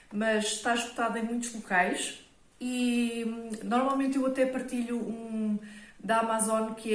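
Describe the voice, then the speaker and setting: A woman with a European Portuguese accent who talks casually to her viewers and often checks in with them while showing household products. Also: fairly high pitch. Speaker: home organisation vlogger. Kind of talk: casual product talk to camera. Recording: roomy echo, mic at a distance, faint noise.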